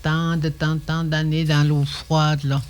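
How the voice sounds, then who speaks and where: Slow, patient older woman teacher. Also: low voice, flat delivery, darkish tone. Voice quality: slow, patient, repeats words carefully. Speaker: language teacher. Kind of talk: radio language lesson.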